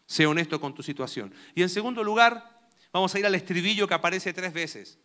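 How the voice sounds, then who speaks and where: A man's voice: high voice, brisk, sharp tone. A young man preaching a sermon in a conversational way, asking his listeners many questions. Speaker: pastor.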